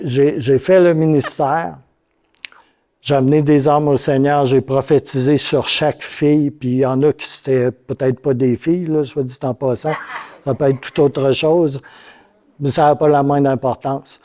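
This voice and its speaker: A man's voice: mid-range voice, steady tone, unhurried, warm tone. A man with a Quebec French accent preaching a sermon, telling a personal story in a casual, rambling way with many fillers. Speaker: pastor.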